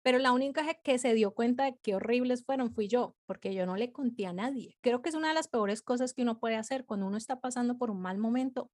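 Lively woman telling her story. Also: on the high side, fast, hardly any pauses. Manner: animated, chatty, frequent filler words. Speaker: guest storyteller. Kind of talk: casual interview storytelling.

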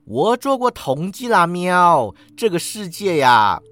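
A man's voice: high voice, very animated, takes it slowly, a bit bright, exaggerated voice. A man reading a story, voicing a smug, lazy male talking orange cat that ends its lines with a meow.

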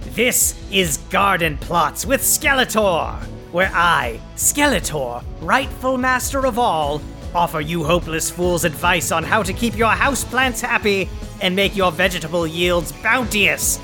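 A performer playing a boastful male supervillain who hosts a podcast, delivering grandiose, insulting proclamations with a quick temper. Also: mid-range voice, expressive, over music. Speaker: podcast host. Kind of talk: comic scripted podcast.

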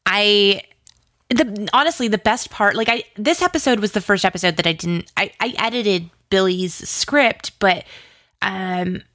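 An audio drama writer and producer, interviewed casually about her creative work, speaks informally and with great enthusiasm, tumbling from aside to aside. Her mid-range voice is unhurried and fairly bright.

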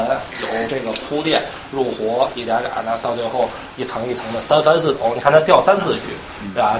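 Guy lecturing fast at a salon, echoey room, kinda muffled noisy recording. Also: mid-range voice. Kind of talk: explanatory talk at a salon. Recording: dull, noisy, roomy recording.

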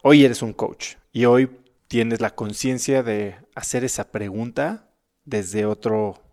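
A man hosting an interview, asking reflective, measured questions. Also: medium pitch, darkish tone. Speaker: host, interviewer.

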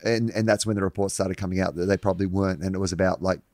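A man co-hosting a comedy sports podcast in casual, animated chat, swearing freely and laughing often. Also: low-pitched, very fast, no room sound, clean studio sound. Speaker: podcast co-host.

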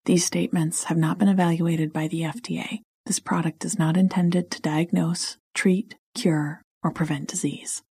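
A woman's voice: fairly low pitch, flat delivery, moderate pace, darkish tone, husky, no echo, studio quality. A woman announcer reading a scripted advertisement. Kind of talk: scripted ad read.

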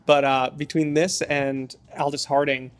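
A man's voice: on the high side, little pitch movement, a little slow. A male singer chatting as a guest in an apartment interview, rambling and enthusiastic with plenty of fillers. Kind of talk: casual interview chat.

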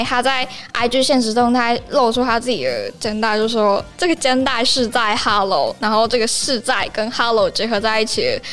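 Higher-pitched Taiwanese Mandarin woman teaching slang. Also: a bit bright. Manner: chatty, playful, acts out short examples. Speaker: podcast host and Japanese teacher. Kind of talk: casual language lesson explaining slang.

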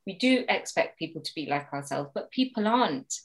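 A woman's voice: on the low side, animated, a little fast. A woman mediator, a guest in a conversational interview, talking animatedly and acting out the voices she quotes.

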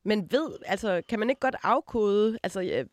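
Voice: mid-range voice, animated, no room sound, studio quality. Interviewer from West Jutland. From West Jutland, Denmark. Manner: probing questions, hesitant. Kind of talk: conversational interview.

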